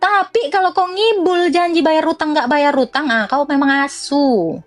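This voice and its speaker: High-pitched, blunt, mocking woman. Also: moderate pace, no echo, faint music behind. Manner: blunt, mocking and animated, with laughs and swings of pitch. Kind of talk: informal religious commentary rant.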